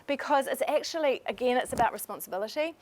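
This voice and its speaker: A woman's voice: high voice, quick pace. A woman speaking earnestly and persuasively in a leadership webinar, now and then moved with emotion. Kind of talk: motivational webinar talk.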